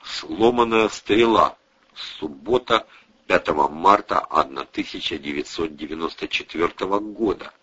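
A man reading a crime novel aloud as an audiobook, expressive and voicing every character, on a dull lo-fi recording. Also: low voice, measured pace, breathy edge. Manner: expressive, voices all characters. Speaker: audiobook reader. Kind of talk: audiobook narration.

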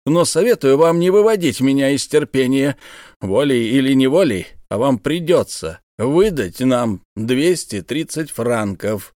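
A man's voice: mid-range voice, lively intonation, a little slow, a little mellow, no echo, clean studio sound, voice pushed up, lightly acted. A man voicing a firm, commanding male army captain who serves as governor, for an audiobook. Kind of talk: audiobook character voice.

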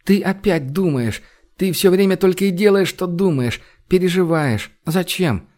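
A man's voice: high voice, expressive, normal speed, darkish tone, voice pushed up. A man reading an audiobook, voicing a distraught young woman who pleads and bursts out between sobs. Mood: pleading. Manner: pleading, sobbing outbursts.

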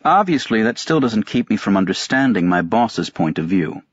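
A man narrating a first-person novel as a sleep audiobook, in an even, unhurried reading voice. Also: on the low side, husky, no echo. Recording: dry, dull-sounding recording.

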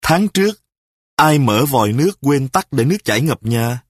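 A man voicing a fretful young wife who starts out defensive and turns sharp-tongued in a spoken story, with a husky voice. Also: mid-range voice, expressive, no room sound, natural voice. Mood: indignant. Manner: pleading, then snapping back in quick retorts.

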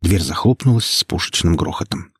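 A man reading a first-person novel aloud as an audiobook narrator, steady and even. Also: sits low, brisk, husky, no room sound, studio quality. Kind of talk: scripted narration.

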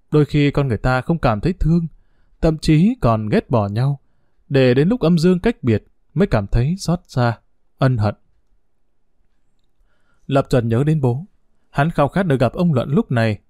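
A man's voice: medium pitch, no room sound. Man reading a story in a dry close voice. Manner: steady storytelling. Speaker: narrator. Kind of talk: audiobook story narration.

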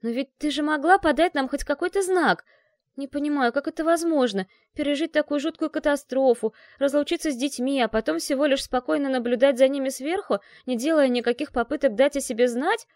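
A woman's voice: high voice, brisk, a little mellow, no room sound, studio quality, voice pushed up. A woman voicing an indignant young woman who pleads with and scolds her friend. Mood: pleading. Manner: pleading, outraged.

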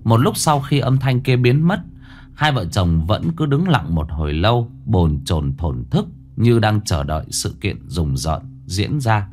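A man narrating a ghost story in a slow, dramatic way, dropping to a hush at eerie moments. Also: fairly low pitch, sing-song. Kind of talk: scripted horror story narration. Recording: narration over faint music.

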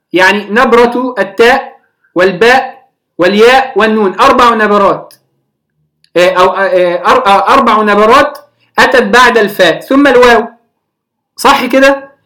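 Teacher, classroom lecture, hesitant, drawn-out fillers, checks understanding. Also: medium pitch, bright, forceful tone. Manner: often checks if listeners understand. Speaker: Quran recitation teacher.

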